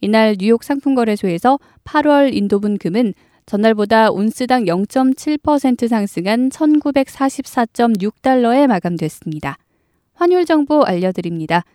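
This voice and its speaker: A woman hosting a radio news program, reading news and weather in a clear, friendly studio delivery. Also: a little high, animated, normal speed, mellow, no room sound.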